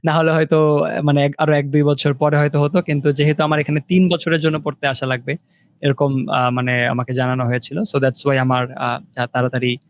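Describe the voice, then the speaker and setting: A young man co-hosting a casual podcast from a remote call. He talks in a relaxed, halting way, mixes Bengali and English, and uses many fillers. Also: on the high side, no echo. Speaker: podcast co-host sharing his story.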